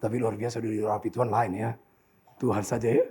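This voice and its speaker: A man in his sixties with an Indonesian accent, preaching a sermon in a church and often calling out to the congregation, sometimes shouting at its peaks. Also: lowish voice, fairly quick. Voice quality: gravelly, husky. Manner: animated preaching, addresses congregation as saudara, shouts at climaxes. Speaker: pastor. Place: church hall.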